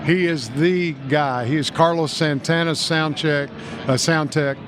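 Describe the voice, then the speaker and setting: With music in the background, an older man with a Kentucky accent speaks unhurriedly in a steady, higher-side voice. A music store owner appearing as a guest in a casual trade-show interview, he's folksy and rambling, with a salesman's enthusiasm.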